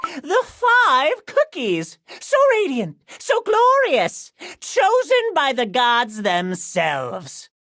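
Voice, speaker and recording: Trickster showman cookie, cartoon game: high, slow-savoring delivery, boastful, mock-sincere, theatrical. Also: wildly swooping pitch, no echo, studio quality, heavily acted. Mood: mocking storytelling. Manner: flamboyant, mock-sincere, singsong. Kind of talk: grandiose scripted stage narration. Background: loud music.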